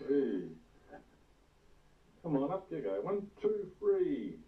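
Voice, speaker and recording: A man's voice: fairly high pitch, very animated, takes it slowly. A man, a father chatting casually as he films his family, heard on an old VHS home video tape. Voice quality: playful, chatty narration to family and kids. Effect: old VHS camcorder tape sound. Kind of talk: casual commentary while filming. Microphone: camcorder mic. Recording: muffled old VHS tape, distant, hiss.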